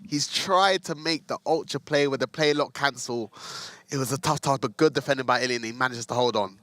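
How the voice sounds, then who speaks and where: A man giving color commentary on an esports football match, weighing up players' choices in a measured way. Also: medium pitch, fairly bright tone, no room sound. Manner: analytical, measured, stumbles on words.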